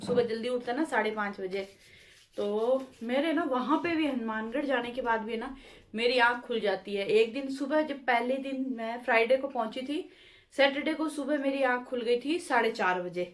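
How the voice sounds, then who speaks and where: Chatty homely woman vlogger, slightly high voice. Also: normal speed. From India. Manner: chatty, homely, addresses viewers with "chaliye ji". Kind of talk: casual home vlog chat.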